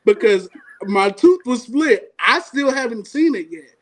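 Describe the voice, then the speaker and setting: A man co-hosting a podcast, telling a story in casual chat, animated and laughing often as he acts out what people said. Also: very high-pitched, unhurried, a loud crowd, poor audio. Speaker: podcast co-host.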